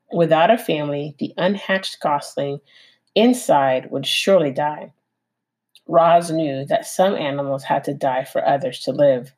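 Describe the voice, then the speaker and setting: A woman, a teacher, reading a novel aloud in a gentle, expressive way and adding her own comments. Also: low-pitched, poor audio. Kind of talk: read-aloud storytelling.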